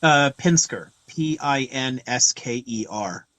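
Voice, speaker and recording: Man, mid pitch, dry close sound, thoughtful, digressive host. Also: animated, slow, a bit bright, no room sound, poor audio. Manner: thoughtful, digressive, many fillers. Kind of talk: casual lecture on a live stream.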